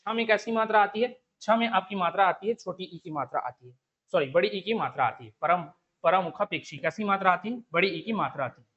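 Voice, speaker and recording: High-voiced teacher, explains step by step. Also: male voice, fairly bright tone, highs cut off. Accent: Chhattisgarhi Hindi. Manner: explains step by step, repeats the question and the answer over and over. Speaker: exam coaching teacher. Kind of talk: online spelling lesson.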